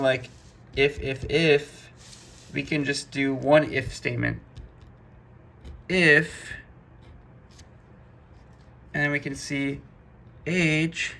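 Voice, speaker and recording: Gravelly, bright-voiced man teaching code. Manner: chatty, talks through code step by step with fillers like "boom". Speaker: programming instructor. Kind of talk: casual screen-recorded coding lesson.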